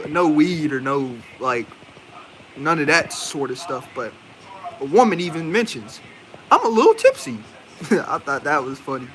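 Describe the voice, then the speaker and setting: Bright-voiced Indian-accented man rambling casually. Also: fairly high pitch, a little hiss or hum. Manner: rambling, slangy, thinking aloud with many fillers. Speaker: movie reviewer. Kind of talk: casual spoken movie review.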